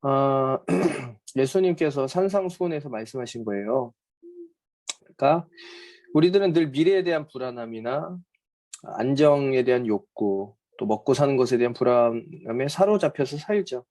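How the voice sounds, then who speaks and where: A man gives a Bible overview lecture in a relaxed, conversational tone, pausing often on hesitant fillers. His pitch moves about in a lively way, and his voice is mellow and warm. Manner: conversational, often acts out quoted speech. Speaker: Bible teacher.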